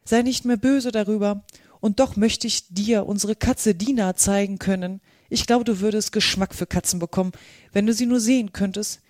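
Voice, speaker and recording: A woman reading a storybook and voicing a curious, polite little girl in a raised, girlish pitch. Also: steady tone, normal speed, darkish tone, no echo, clean studio sound, natural voice. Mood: chatty.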